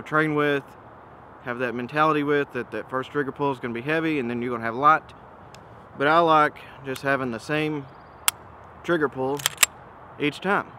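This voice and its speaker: A man giving a casual, easygoing product comparison as a presenter, speaking in an informal, measured and opinionated way. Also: fairly high pitch, sharp tone. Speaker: gun reviewer and presenter. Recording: noisy outdoor recording with ambient hum.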